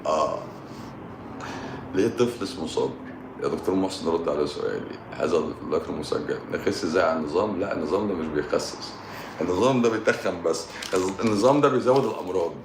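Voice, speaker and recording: Deep-voiced Egyptian man joking on a livestream. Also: fast talker. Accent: Egyptian Arabic. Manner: joking, chuckling, repeats phrases, keeps asking "got it?". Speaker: live-stream host answering viewer comments. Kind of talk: casual live-stream chat. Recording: echoey room with background noise.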